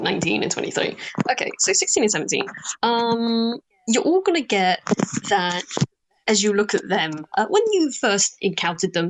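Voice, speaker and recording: A woman's voice: mid-range voice, rough recording. A woman talking casually as she narrates and plays a tabletop roleplaying game.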